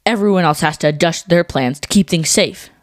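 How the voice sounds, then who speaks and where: In a brisk, very dry recording with little room sound, a low-voiced woman co-hosts a scripted educational podcast for kids. She lays out ideas in clear, simple terms.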